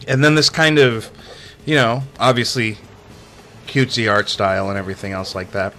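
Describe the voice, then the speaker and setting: A man's voice: on the low side, fairly even intonation, normal speed, bright, forceful tone, soft background music. A man giving a casual, sarcastic video game review voice-over, chatty and amused, often breaking into laughter. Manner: sarcastic, chatty with many fillers.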